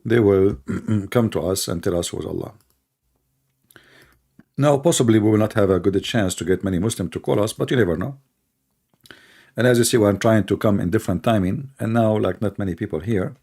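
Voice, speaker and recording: Gravelly, husky older man. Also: on the low side, a little fast, warm tone. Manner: sarcastic, mocking, rambling with many fillers. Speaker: host. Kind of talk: casual monologue.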